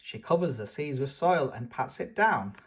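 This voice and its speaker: This man has a medium-pitched, expressive voice and speaks at a normal speed. As a channel host, he reads a storybook aloud for children with real enthusiasm.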